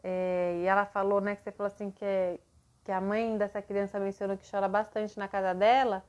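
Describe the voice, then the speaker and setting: A woman's voice: medium pitch, flat delivery, brisk, darkish tone, dull audio. A woman mentoring parents in a live online session, explaining patiently and acting out what to say to a child.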